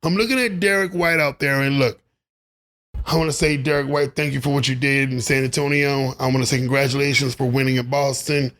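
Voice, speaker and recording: A man's voice: medium pitch, steady tone, fairly quick, fairly bright tone. A man delivering a rambling, opinionated basketball commentary monologue, laughing at his own asides. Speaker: sports commentary vlogger.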